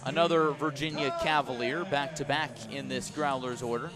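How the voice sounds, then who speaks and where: Loud music plays under a man's steady, medium-pitched voice as he talks at a moderate pace. It's live radio sports commentary of a baseball game at an outdoor ballpark, mixing terse calls with conversational asides.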